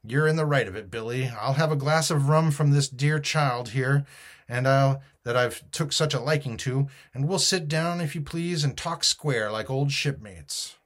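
A man's voice: mid-range voice, normal speed, close to an everyday voice. A man doing a wheedling, sneering old pirate. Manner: wheedling, mock-friendly.

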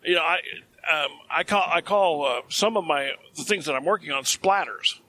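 A man's voice: on the high side, moderate pace, sharp tone, a little hiss or hum. A man co-hosting a podcast, talking casually in a rambling, emphatic way and often correcting himself mid-sentence. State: dry throat. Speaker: podcast co-host.

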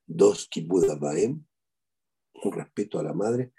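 A middle-aged rabbi with an Argentine Spanish accent delivers a eulogy sermon as animated storytelling, repeating his key phrases. His voice is deeply raspy and full of gravel. His pitch swings widely as he talks. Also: takes it slowly.

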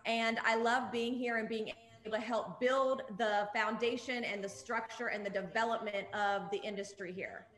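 A woman's voice: a little high, fairly even intonation, moderate pace, fairly bright tone, reverberant, low-quality recording. A woman born in Jordan, an upbeat, talkative guest speaking over a video call. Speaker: music industry guest. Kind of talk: casual interview.

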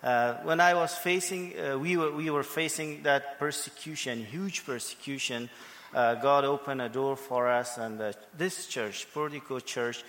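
A man from Afghanistan, sharing his testimony hesitantly, with many fillers and soft laughs. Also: mid-range voice, measured pace. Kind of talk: spoken testimony. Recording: reverberant church hall.

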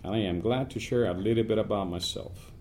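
An animated man, talking as a guest on a podcast. His voice sits fairly low, and his pace swings between quick bursts and slow stretches. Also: slight background noise. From Puerto Rico. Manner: upbeat, animated, speeds up and slows down. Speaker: Army command sergeant major, guest. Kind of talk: podcast interview.

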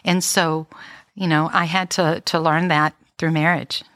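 A woman's voice: sits low, little pitch movement, a little slow, fairly bright tone, no echo. A middle-aged woman, co-hosting a podcast and sharing stories in a reflective, easygoing way with many fillers. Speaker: podcast co-host. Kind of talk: casual chat.

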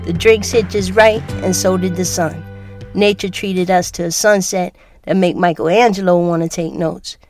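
A woman hosting her podcast, telling a personal story in a relaxed, chatty way while congested from a cold. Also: on the low side, moderate pace, soft background music. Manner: relaxed, chatty, laughs easily. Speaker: podcast host.

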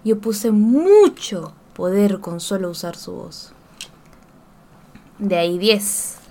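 A woman's voice: mid-range voice, animated, slow, vocal fry, mellow. Female co-host, casual Bible study chat, reads verses then shares notes, laughs easily. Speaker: podcast co-host.

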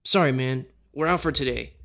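A man's voice: medium pitch, normal speed, a bit bright, lightly acted. A man voicing a blunt, impatient young man who cuts things short. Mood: curt. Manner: curt, dismissive.

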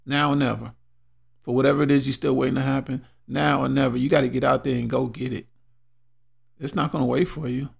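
Gravelly, husky man giving an emphatic motivational talk. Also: medium pitch, fairly even intonation, brisk. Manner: emphatic, exhorting, repeats phrases for weight. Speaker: podcast host.

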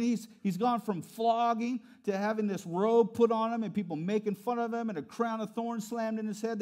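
Animated male preacher. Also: high voice. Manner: animated, acts out quotes in character voices. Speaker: pastor. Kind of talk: sermon.

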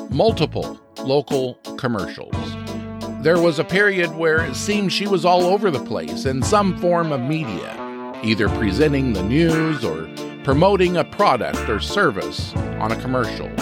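A man hosting a podcast, reading a scripted true crime narration. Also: medium pitch.

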